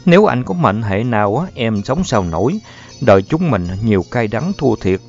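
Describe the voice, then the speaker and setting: A man voicing a tender, worried young woman who pleads softly with her sick lover. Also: medium pitch, sing-song, normal speed. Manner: pleading, soft and fussing. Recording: dull lo-fi audio, faint music.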